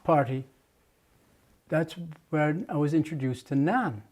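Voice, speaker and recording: A slightly high male voice with a darkish tone, taking its time. It belongs to an older muralist from Jamaica who reminisces at length in an oral history interview, full of restarts and filler words.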